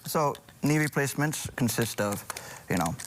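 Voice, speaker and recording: A man's voice: mid-range voice, animated, moderate pace, a little hiss or hum. A middle-aged man from Hawaii, a surgeon guest on a morning TV show, speaking hesitantly with many ums and restarts.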